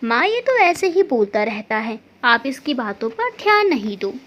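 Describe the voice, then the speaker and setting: A woman's voice: on the high side, sing-song, normal speed, fairly bright tone, pitched below the performer's own voice. A woman voicing a cheerful, mischievous young daughter talking playfully with her mother. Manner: playful, coaxing. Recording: dull lo-fi recording.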